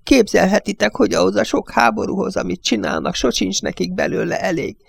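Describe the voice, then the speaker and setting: A high, bleating old village judge, angry and afraid, muttering his grievances, as a man puts him on. The voice climbs well above the reader's own with a gravelly edge. An audiobook figure. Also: no room sound, full character voice. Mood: whispering. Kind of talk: audiobook reading.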